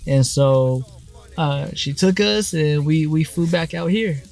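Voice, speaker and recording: A man raised in Oklahoma speaking casually in an interview, relaxed and pausing with fillers. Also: a little high.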